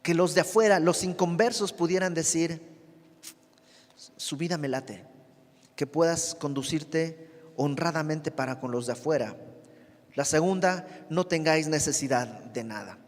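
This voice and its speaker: A man's voice: a little high, moderate pace, long reverb tail. A man with a Mexican Spanish accent teaching a verse-by-verse Bible study in a conversational way, often asking his listeners questions.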